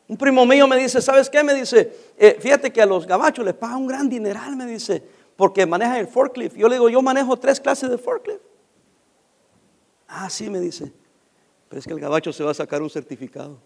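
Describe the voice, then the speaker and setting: A middle-aged man with a Mexican Spanish accent tells a casual story from work, acting out the dialogue and laughing along the way. His voice is extremely high, fairly quick, and has vocal fry.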